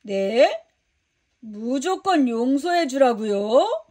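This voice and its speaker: An eager young male disciple asks wide-eyed questions in a children's storybook, as a woman puts him on. His voice is high and he takes his time. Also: sing-song, extremely slow, warm tone, full character voice. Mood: curious.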